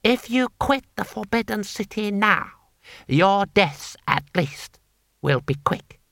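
A man voicing a cold, scheming older imperial lord who speaks slowly and haughtily. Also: sits high, lively intonation, gravelly, a bit bright, no room sound, clean studio sound, pitched above the performer's own voice, full character voice. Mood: menacing. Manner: slow, haughty, menacing.

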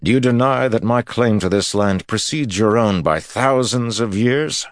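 A man's voice: low voice, unhurried, no room sound, clean studio sound, voice pushed up. A man voicing a commanding hero of ancient claim in an audiobook, solemn and declaiming.

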